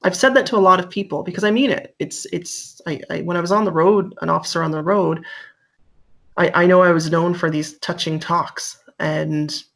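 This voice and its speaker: A middle-aged woman shares stories from her police work in a relaxed interview. Her voice sits a little low. She gets animated and pitches up when she quotes others. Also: moderate pace, creaky. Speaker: police officer guest. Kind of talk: casual interview storytelling.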